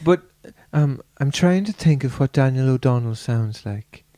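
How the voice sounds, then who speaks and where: A man's voice: medium pitch, lively intonation, measured pace, mellow, no echo. A man hosting a casual podcast chat, often restarting and hesitating. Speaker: podcast host.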